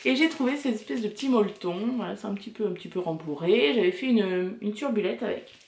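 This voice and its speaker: Woman, 30s, knitting vlogger, rambling chatty delivery, mid pitch, echoey home room. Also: animated, fast, darkish tone, a little hiss or hum. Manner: chatty, rambling, many fillers and restarts. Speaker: knitting podcast host. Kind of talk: casual chat to camera.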